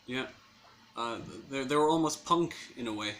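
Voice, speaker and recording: A man's voice: mid-range voice, normal speed, a bit bright, rough recording. A man interviewing a guest with casual, conversational questions.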